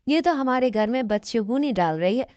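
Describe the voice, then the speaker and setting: A woman's voice: on the high side, lively intonation, a little mellow, dry recording, close to an everyday voice. A woman voicing scolding superstitious in-laws. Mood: reproachful. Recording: dull lo-fi dry recording.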